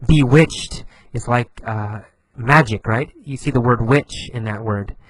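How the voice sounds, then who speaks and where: Patient man explaining words slowly. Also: mid-range voice, rough recording. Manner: slow, patient, repetitive explanations with lively emphasis. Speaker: English teacher. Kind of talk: explaining vocabulary.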